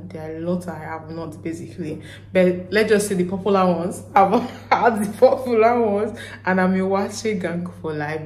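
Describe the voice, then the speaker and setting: A woman's voice: fairly low pitch, a little mellow. A woman from Nigeria with a Nigerian accent tinged with Ghanaian, chatting casually and rambling in a reflective vlog. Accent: Nigerian, with some Ghanaian. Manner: chatty and rambling, with frequent fillers and laughs. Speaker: vlogger. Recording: echoey room.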